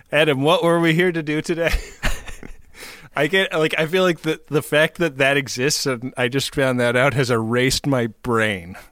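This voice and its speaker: In a dry, clean studio recording, a man with a slightly bright voice on the high side chats on a podcast at a measured pace and steady tone. He laughs often while casually recapping a TV episode, joking and acting out scenes in playful voices.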